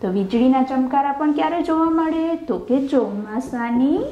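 A primary school teacher with a Gujarati accent gives a lesson to young children, asking questions and answering them herself, and she draws out the answer words as in dictation. Her voice is high at a normal speed, and the sound is reverberant and lo-fi with a noisy background.

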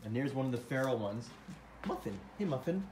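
A man giving joking, casual commentary while he livestreams his home on a phone, teasing the people around him and talking softly to his cats. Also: mid-range voice, fairly even intonation, a little fast, echoey room, a little hiss or hum. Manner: joking, teasing, with frequent laughs; soft, cooing talk to pets. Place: home kitchen, then garage.

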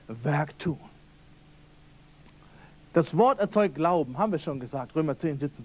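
A man's voice: on the high side, darkish tone. A man preaching a seminar sermon, emphatic and repeating key phrases while addressing his listeners directly. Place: church seminar hall. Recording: old radio-quality seminar tape.

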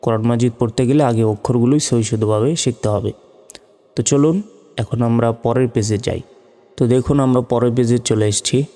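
A man teaching Arabic letter pronunciation in a slow step-by-step lesson, drawing out and repeating each sound. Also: mid-range voice, mellow. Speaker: Quran teacher. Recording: long hall reverb with faint music.

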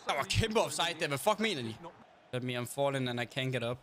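A man's voice: mid-range voice, lively intonation, a crowd in the background. A man from Denmark streaming a football video game in casual chat, blurting out and swearing at the game. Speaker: gaming streamer. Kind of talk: casual live-stream chat while playing.

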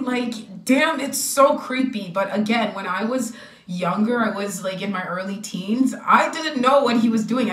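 A woman's voice: on the high side, fairly bright tone, echoey room, far from the mic. A young woman YouTuber ranting bluntly and laughing as she gives her honest opinion in a casual vlog. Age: young adult. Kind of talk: casual rant video.

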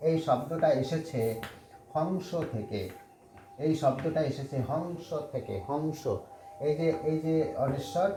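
Male teacher, patient and repetitive, low warm tone, echoey room with faint hiss. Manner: patient, repeats words and spells them out letter by letter. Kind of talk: classroom lesson on Bangla spelling.

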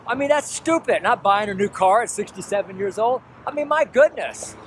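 This roadside street sermon comes from a man in his sixties whose voice sits high and sounds animated at a normal speed. Holding a selfie camera at arm's length amid faint traffic noise, he earnestly repeats his points, pleading.

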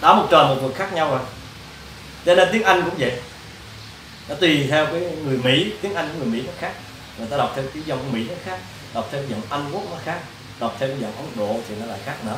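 A man's voice: fairly high pitch, quick pace. A man, a Buddhist monk, giving a casual, rambling dharma lecture to monastic students, often asking them questions. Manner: rambling, repetitive, addresses listeners directly with questions. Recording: roomy, distant mic, faint background hiss.

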